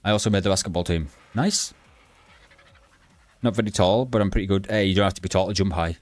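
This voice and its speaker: A young man streaming a game, chatting bluntly and rambling with halting restarts to his live chat. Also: low voice, no echo, soft background music. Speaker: gaming livestreamer.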